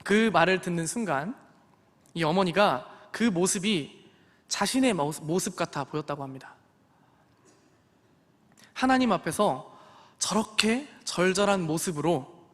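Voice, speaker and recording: Male pastor, sermon delivery, somewhat high pitch, earnest storyteller with dry asides; reverberant sanctuary. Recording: long hall reverb.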